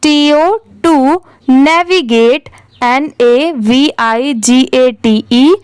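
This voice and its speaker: A woman's voice: sits high, clear, resonant tone, no echo. A woman teaching an English reading lesson, spelling each word letter by letter and then saying it. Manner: spells words letter by letter, then says them slowly.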